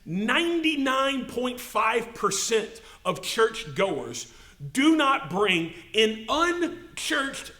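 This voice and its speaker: A pastor preaching a sermon, swelling to emphatic peaks and slowing to stress key words. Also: male voice, extremely high pitch, sing-song, pushed and bright, roomy sound. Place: church sanctuary.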